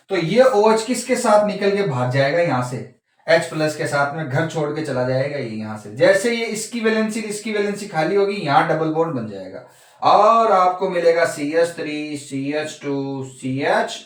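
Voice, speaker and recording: A man teaching a chemistry class, explaining at the board in a chatty way and asking his students questions as he goes. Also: on the high side. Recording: very echoey room, voice from far off.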